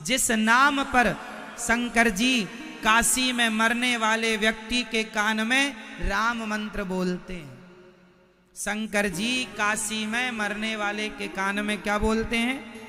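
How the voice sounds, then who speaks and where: A man delivering a devotional sermon before a live audience, speaking slowly and emphatically, breaking into sung verses and putting questions straight to his listeners. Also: sits high, fairly even intonation, bright, forceful tone, long reverb tail, faint music behind. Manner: slow, emphatic, addresses listeners directly with questions. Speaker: preacher of religious storytelling.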